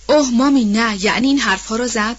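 A woman doing a shocked, gentle young lady. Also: breathy edge, lo-fi sound. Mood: dismayed. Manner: pleading, higher and louder. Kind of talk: audiobook role-play reading.

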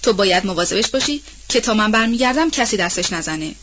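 A woman's voice: mid-range voice, animated, fairly bright tone, lo-fi sound. A woman reading as a grieving, commanding master. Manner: commanding, fixated. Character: grieving drunk master of the house, man. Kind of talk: audiobook role-play reading.

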